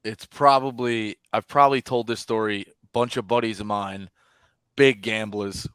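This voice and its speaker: A man's voice: medium pitch, smooth, no room sound. A man co-hosting a casual sports podcast, telling stories animatedly and mimicking people as he goes. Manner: animated storyteller, mimics people mid-story. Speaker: podcast co-host.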